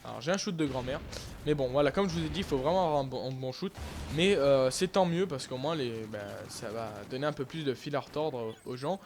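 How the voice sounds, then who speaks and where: A man's voice: medium pitch, a little fast, a little mellow, slight background noise. A young man giving casual, rambling live commentary over his own gameplay, with lots of fillers and restarts. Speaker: gaming YouTuber.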